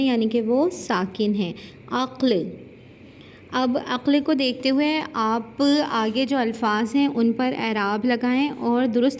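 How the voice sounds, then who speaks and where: A woman teaching a grammar lesson, reading word lists slowly and clearly and correcting common mispronunciations. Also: on the high side, a little mellow. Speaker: Urdu teacher. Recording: faint background noise.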